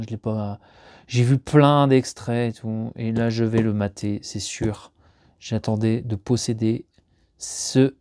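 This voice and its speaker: A chatty man talks through an unboxing at home, rambling with plenty of fillers and false starts. His voice is mellow and warm, recorded close and dry on a camera mic, and it jumps higher whenever something excites him. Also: no echo. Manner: lively, jumps up in pitch when excited. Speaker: YouTuber unboxing discs. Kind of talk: casual unboxing chat.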